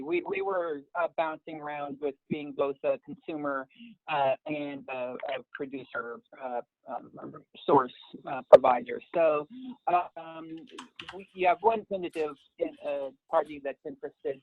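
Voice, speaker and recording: A woman on a work conference call who speaks over a cellphone speakerphone. She talks haltingly, with many fillers and restarts. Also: low-pitched, gravelly. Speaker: meeting participant. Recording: tinny cellphone line.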